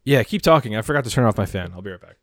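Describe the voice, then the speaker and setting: A young man co-hosting a podcast, joking in a deadpan way and swearing a lot. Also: lowish voice, very fast, no room sound, studio quality. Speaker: podcast co-host. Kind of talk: casual podcast chat.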